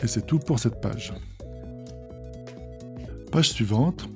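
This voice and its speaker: A man's voice: mid-range voice, slow, music in the background. A man teaching a lesson, reading Japanese phrases aloud and then explaining each one patiently and step by step. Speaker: language teacher. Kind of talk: explanatory lesson on manga text.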